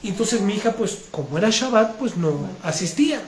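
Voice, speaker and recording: A man's voice: high-pitched, lively intonation, brisk. A man, telling a heartfelt personal testimony during a sermon. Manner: earnest, heartfelt storytelling with frequent restarts. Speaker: preacher. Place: congregation hall. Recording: echoey room with faint noise.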